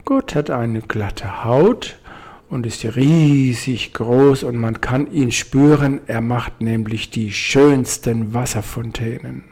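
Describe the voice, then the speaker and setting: A man voicing a huge, calm whale that speaks slowly and measuredly, in a storybook telling. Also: medium pitch, slightly rough. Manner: slow, measured.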